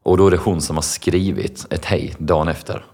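This young man, a lecturer and speaker, has a low, steady voice that is a little mellow with a breathy edge. He answers interview questions conversationally, telling anecdotes earnestly and performing the quoted voices.

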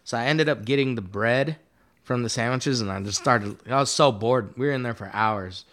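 This guest artist's medium-pitched voice keeps a normal speed as he rambles through a long anecdote in a casual podcast chat. Swearing and filler words pepper his relaxed delivery.

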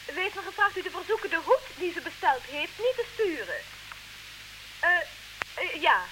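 A nervous, apologetic noblewoman in a vintage radio drama. Her voice sits very high and bright and leaps around, and she hesitates often. A light hiss runs under the recording. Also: lively intonation, normal speed, low-quality recording. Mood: polite. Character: flustered, polite noblewoman, a duchess. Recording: hissy old radio recording.

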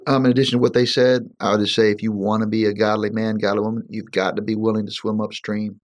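A man speaks as a pastor, with a lowish voice and a quick pace. His delivery is direct and exhorting. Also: level tone.

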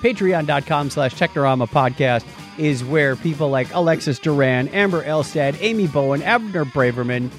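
A man co-hosts a podcast from a studio with music playing behind him, chatting casually and playfully as he shifts between announcements and banter. His voice is a little high, and he talks at a normal speed.

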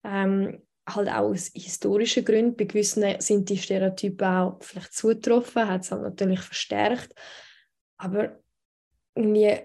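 A woman's voice: medium pitch, little pitch movement, normal speed, vocal fry, a little mellow. A young woman in her twenties from Switzerland with a Swiss German accent, talking as an author in a radio interview, thoughtful and direct. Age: 20s. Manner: thoughtful and direct, with frequent fillers. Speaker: author and guest.

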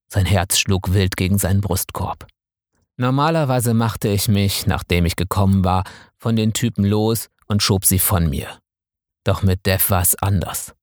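A man calmly reading a first-person story aloud in measured scripted narration. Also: deep voice, no echo, clean studio sound. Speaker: audiobook narrator.

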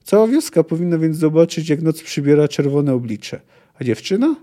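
A man's voice: a little high, lively intonation, normal speed, warm tone, natural voice. A man reading a scornful elf outlaw woman.

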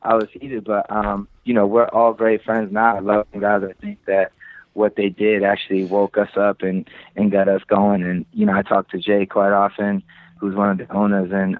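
The creative director of a sneaker shop joins an interview as a guest, chatting casually and telling stories with candid slang and free swearing. His voice is lowish with no echo, though it comes through a thin, phone-like, radio-quality line.

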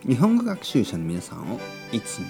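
A man's voice: mid-range voice, wildly swooping pitch, normal speed, vocal fry, over music. A man hosting a podcast for language learners in simple, unscripted talk, repeating and rephrasing key words as he goes. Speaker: podcast host for learners of Japanese.

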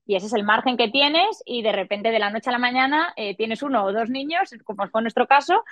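A woman in her forties, a podcast guest, telling a personal story in a lively way and acting out the voices she quotes. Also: brisk, dry recording. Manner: animated, acts out quoted dialogue in a higher voice. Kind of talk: casual storytelling.

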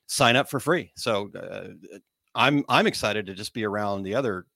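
Podcast co-host, male, Missouri accent, slightly low register, dry sound, easygoing casual chat. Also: moderate pace, gravelly, sharp tone, dry recording. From Missouri, United States.

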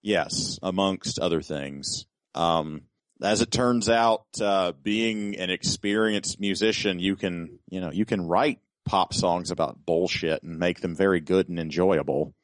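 Deep, rambling man on a dry mic. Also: unhurried, no echo. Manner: rambling, repeats words when starting. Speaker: podcast co-host. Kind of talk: casual chat.

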